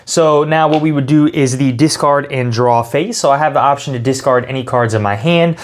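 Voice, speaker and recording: A man's voice: mid-range voice, brisk. A man hosting a casual tabletop game walkthrough, explaining the rules step by step and thinking aloud as he plays. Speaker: host explaining and playing a card game.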